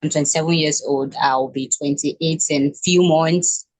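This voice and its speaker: Interview guest: Nigerian woman in her twenties, low pitch, halting delivery, dry recording. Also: steady tone, a little mellow, no room sound. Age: 20s. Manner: hesitant, with many restarts and fillers. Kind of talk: casual interview.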